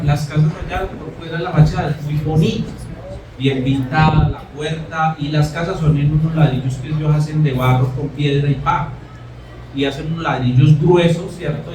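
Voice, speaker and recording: Man giving a chatty sermon, somewhat high voice, recorded far off in a reverberant room with audible noise. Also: steady tone, normal speed. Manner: conversational storytelling, frequent "¿cierto?" tags. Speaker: preacher. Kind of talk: sermon with personal testimony. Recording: echoey room, mic far off.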